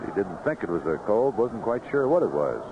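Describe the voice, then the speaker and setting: Heard on a noisy vintage 1970s AM broadcast, this live radio sports commentary comes from an outdoor ballpark booth, with the recording sounding muffled. An American man delivers baseball play-by-play in clipped, descriptive phrases. His voice sits on the low side, sing-song and fairly quick.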